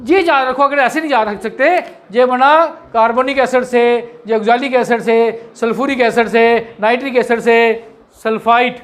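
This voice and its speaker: A man teaches chemistry in a classroom. He drills the students, fires off quick rhetorical questions and spells terms out letter by letter. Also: extremely high pitch, fairly bright tone. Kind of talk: classroom lecture.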